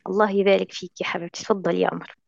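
A woman's voice: lowish voice, flat delivery, very fast, gravelly, darkish tone, no echo, dull audio. A woman teacher with an Egyptian Arabic accent, coaching recitation in an online lesson, coaxing and affectionate, full of endearments.

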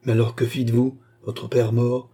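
A man reading the part of a gentle young lady visitor who asks soft, compassionate questions in an audiobook. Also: mid-range voice, flat delivery, moderate pace, breathy edge.

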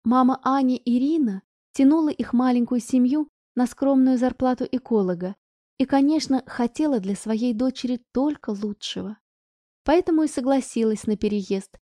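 Woman audiobook narrator, steady and even, high-ish warm voice, dry booth sound. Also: dry recording.

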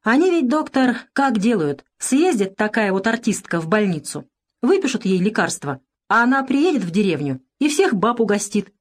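A woman's voice: fairly high pitch, big pitch swings, normal speed. A woman voicing a stern, solemn male village medic in a storybook reading, scolding in a raised voice. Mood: explaining.

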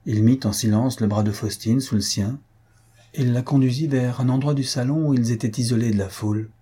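A man narrating a nineteenth-century novel as an audiobook, measured and expressive. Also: mid-range voice, breathy edge. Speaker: audiobook reader.

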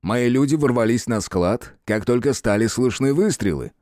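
A man voicing a senior male official who speaks slowly in a level, commanding way. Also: mid-range voice, lively intonation, darkish tone, no room sound, studio quality, lightly acted. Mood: calm. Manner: level, measured, authoritative.

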